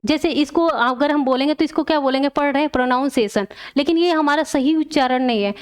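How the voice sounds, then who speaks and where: A woman's voice: high-pitched, fast. A woman teacher explaining exam questions step by step, checking in often with her class.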